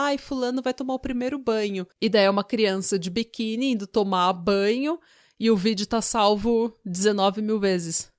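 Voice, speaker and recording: A woman's voice: medium pitch, clean tone, no room sound, studio quality. A Brazilian woman co-hosting a true-crime podcast, casual and sarcastic, given to rhetorical questions. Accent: Brazilian Portuguese. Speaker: podcast co-host.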